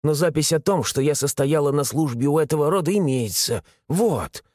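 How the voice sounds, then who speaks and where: A man's voice: a little high, normal speed, darkish tone, no room sound, clean studio sound, natural voice. A man voicing a genteel young woman servant who speaks earnestly, in an audiobook. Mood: pleading. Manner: pleading, earnest.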